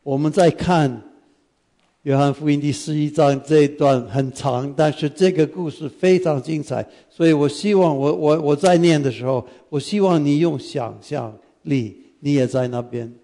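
A man preaching as guest pastor in a church, praying and then speaking gently and straight to the congregation. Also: a little high, moderate pace. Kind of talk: prayer and sermon.

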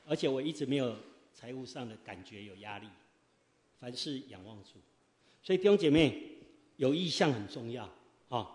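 A man preaching a sermon, quizzing the congregation and swinging from quiet asides to loud exhortation. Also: medium pitch, moderate pace, pauses often, big-room sound. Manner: lively, quizzes the congregation with fill-in questions. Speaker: pastor. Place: church sanctuary.

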